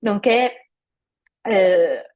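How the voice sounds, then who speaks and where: Speaking with a Spanish accent as a native Spanish speaker, a woman trains yoga teachers in a live webinar, in a conversational way. Her medium-pitched voice is expressive, and she draws on personal examples while pausing to search for words, all on lo-fi audio.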